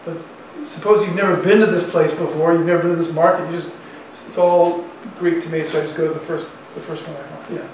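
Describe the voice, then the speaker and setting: A university economics professor in his sixties lectures in front of a chalkboard, thinking aloud in colloquial language with a fairly high voice. He speaks fast, in a steady tone, with few pauses. A distant mic captures him in a very echoey classroom with faint background noise.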